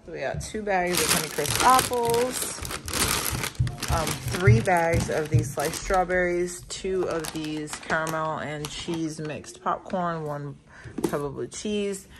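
A woman in her thirties, a mother and vlogger, casually listing her grocery haul item by item with frequent ums. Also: low voice. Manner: lists items slowly with frequent ums. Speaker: vlogger, mother of a large family. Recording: noisy home recording. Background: kids in the background.

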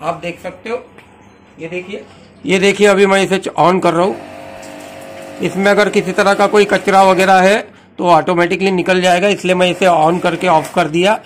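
Male host, high voice, casual how-to demo. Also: flat delivery, normal speed, slight background noise. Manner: friendly instructional, repeats "जी हाँ दोस्तों". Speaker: channel host demonstrating a car washer.

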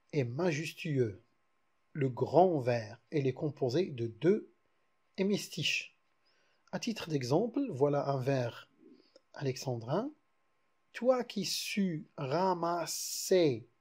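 A man's voice: fairly high pitch, a little mellow, breathy edge. A male teacher with a Moroccan accent giving a lecture on French verse, switching between French and Moroccan Arabic and spelling out verses syllable by syllable. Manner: explains slowly, then spells out verses syllable by syllable.

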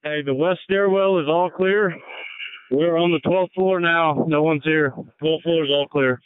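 A man's voice: fairly high pitch, unhurried, clean tone, no echo. A man, a firefighter, giving terse status reports over a two-way radio. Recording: tinny, narrow-band fire radio channel.

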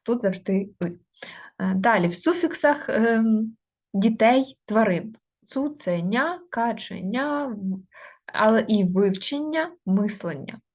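A woman teaching an online grammar lesson. She explains step by step with many hesitation fillers and slows down to spell out example words. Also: on the high side, expressive, darkish tone.

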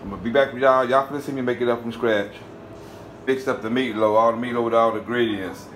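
In this casual cooking vlog, a Southern US man narrates from his home kitchen, addressing his viewers directly as "y'all" in a relaxed, chatty way. His voice is medium-pitched and fast, with a little background noise.

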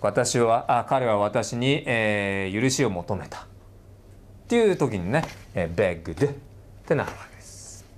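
A middle-aged man giving a casual recorded lecture as a teacher, often checking in with the student and slowly sounding words out again and again. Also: lowish voice, expressive, a little hiss or hum. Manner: sounds words out slowly, stretching and repeating them. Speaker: English teacher.

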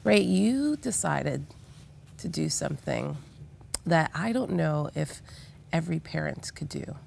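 A woman interviewer putting soft, measured, supportive questions to her guests. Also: sits low, expressive, gravelly, a little hiss or hum.

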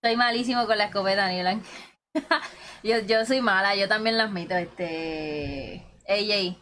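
A woman's voice: mid-range voice, a little slow, sharp tone, a little hiss or hum. A woman, chatting and teasing her teammates and viewers while streaming a game. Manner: chatty and teasing, calls viewers "corillo" and "bebesote". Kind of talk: casual gaming livestream chat.

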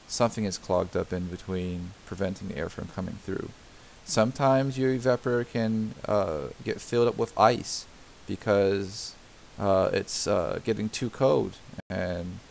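Explaining a home repair job over a diagram, a man with a deep, slightly mellow voice and some vocal fry goes step by step, often restarting and using fillers. It's unscripted screen-recorded narration, with a little hiss or hum audible.

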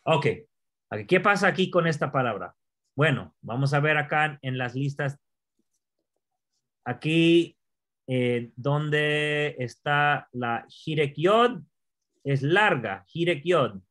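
A man's voice: fairly high pitch, animated, fairly bright tone. A man teaching Hebrew pronunciation step by step, repeating words and quizzing his learner. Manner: slow, repeats words, asks the learner questions. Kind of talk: patient classroom explanation.

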